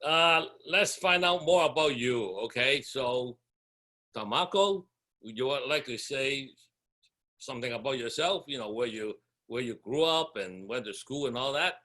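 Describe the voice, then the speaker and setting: A man hosts a casual interview, chatty and loose as he brings in his guests. His voice is bright and sharp at a middle pitch. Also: expressive, measured pace. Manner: chatty, with little laughs and restarts. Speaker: host.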